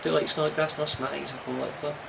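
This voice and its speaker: A man's voice: fairly high pitch, little pitch movement, fast talker, vocal fry. A man with a broad Scottish accent, chattily commentating on a football video game with exclamatory, partisan reactions. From Scotland. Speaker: gaming streamer. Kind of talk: live football game commentary, casual chat. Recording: noisy stream with game sound behind. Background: football video game crowd and commentary.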